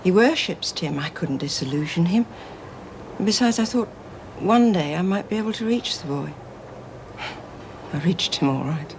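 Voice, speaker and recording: A woman's voice: lowish voice, lively intonation, moderate pace, background noise. Wistful, resigned woman prisoner. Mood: resigned, pained. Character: resigned, self-sacrificing female prisoner. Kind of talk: television drama acting.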